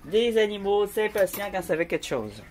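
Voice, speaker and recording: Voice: medium pitch, sing-song, normal speed. A Québécois vlogger chatting casually while working at home, joking, rambling and laughing often, with pet birds squawking in the background. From Quebec. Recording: noisy home recording with bird squawks.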